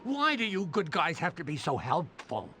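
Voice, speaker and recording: A man's voice: fairly high pitch, huge pitch swings, moderate pace, sharp tone, a little hiss or hum, exaggerated voice. A man voicing a silly, whiny, blustering bubble villain in a cartoon video game. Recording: music behind the voice.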